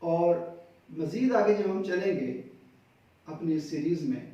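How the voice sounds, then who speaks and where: A man teaching phonics, slowly reading out English word lists one word at a time. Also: sits high, dark tone, very echoey, recorded from a distance, highs cut off. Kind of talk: slow word-list lesson.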